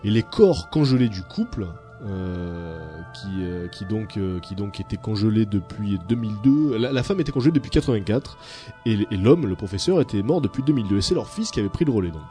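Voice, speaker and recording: A man hosting a radio chat show, telling odd stories in a lively, halting way full of fillers. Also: fairly low pitch, faint music behind. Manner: storytelling, many fillers, animated. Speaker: radio host.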